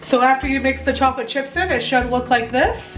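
Speaking a little fast in a high-sitting voice, this young American woman guides viewers through a recipe like a friendly home tutorial. She's a baking vlogger, chatty and instructive, recording indoors in her home kitchen. Music plays under her voice, and the room has a noticeable kitchen echo.

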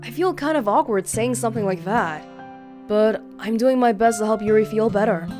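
Over gentle guitar game music, a woman running a let's play reads a visual novel aloud with expression, performing the dialogue and adding her reactions. Her pitch is fairly high and her pace moderate.

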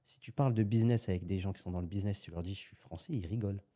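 A French entrepreneur appearing as a podcast guest tells stories casually and animatedly, acting out little scenes along the way. His voice sits low, and he talks very fast.

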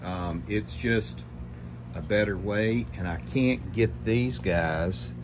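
Slow, deep-voiced man vlogging from his pantry. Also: background noise. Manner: rambling, self-correcting, folksy. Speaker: homestead vlogger. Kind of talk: casual chat. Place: large basement pantry with storage shelves. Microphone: phone camera held at arm's length.

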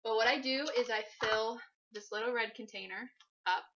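A woman's voice: a little high, moderate pace, background noise. A woman in her twenties chatting casually as she demonstrates something in her home kitchen, moving around as she talks. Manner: chatty and practical, moving around while explaining. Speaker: fitness vlogger. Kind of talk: casual how-to vlog. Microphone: camera mic from across the room. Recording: dull lo-fi camera audio.

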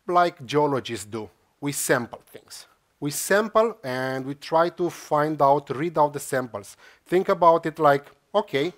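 A man from Romania presents at a conference from a large lecture hall stage, his voice a little high. His explanation to the crowd is peppered with "uh" and frequent false starts.

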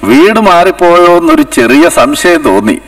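A man's voice: sits high, huge pitch swings, moderate pace, a bit bright, heavily acted. An actor playing a blunt, gossipy older lawyer, a proud father in his sixties, in dubbed film dialogue. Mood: chatty, teasing. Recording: distant mic, film music behind.

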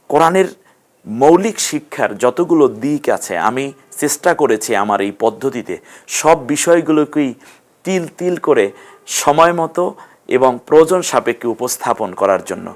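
A man's voice: medium pitch, expressive, normal speed. A man teaching a recorded Quran reading lesson, explaining letters and vowel marks step by step and putting questions to his students. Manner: patient, step-by-step explaining, asks questions of learners.

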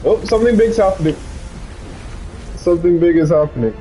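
A gaming streamer offers casual let's-play commentary, chatty and laughing as he talks aside to someone off-mic in the room. His voice is high-pitched, expressive and warm, moving a little fast. Soft background music plays, and the audio is poor.

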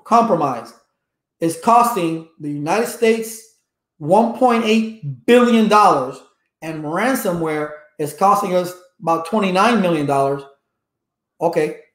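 Speaking to viewers over a casual livestream from a home office, a network engineering educator in his fifties, born in Cuba and a native Spanish speaker, is animated, gestures a lot and poses rhetorical questions. His high-pitched voice, captured by a webcam at his desk, sounds reverberant.

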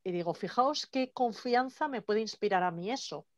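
A woman leading an online workshop in a lively, conversational way. She acts out quoted dialogue as she talks. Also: medium pitch, moderate pace, no room sound, muffled recording. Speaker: workshop trainer. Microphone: video call.

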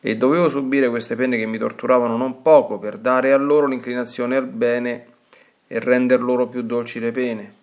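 A man reading aloud the words of Jesus, gentle and consoling, with calm pauses. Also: mid-range voice, voice pushed up, close to an everyday voice. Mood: tender. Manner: calm, tender reassurance, read with pauses.

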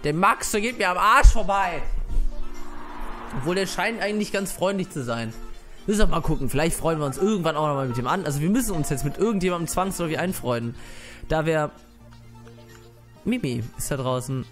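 A man's voice: on the high side, lively intonation, fairly quick, long pauses, a bit bright, faint music behind. A man giving casual let's play commentary, brash and mocking, swearing at the game characters.

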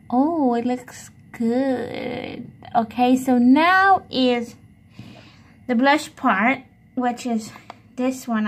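A young adult beauty vlogger chats casually through a makeup tutorial, hesitant and repetitive as she narrates what she's doing. Her voice sits high. She records on a phone propped at arm's length in a small room at home, with faint background noise.

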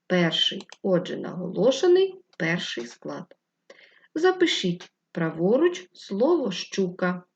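Woman teacher with a lively, sing-song voice. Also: mid-range voice, muffled recording. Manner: slow, clearly dictated teacher instructions. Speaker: primary school teacher. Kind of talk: distance-learning lesson for first graders.

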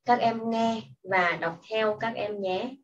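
A woman teacher giving patient, step-by-step instructions in a slow classroom style. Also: a little high, fairly even intonation. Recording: distant, muffled mic with faint hiss.

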